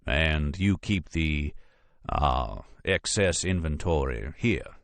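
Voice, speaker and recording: A male narrator voices an audiobook character: a courteous federal agent with a deep, creamy drawl, formal, unhurried, drily witty and self-assured in every phrase. The exaggerated performance has lively intonation and a creaky texture, sounding smooth and probing, with no echo.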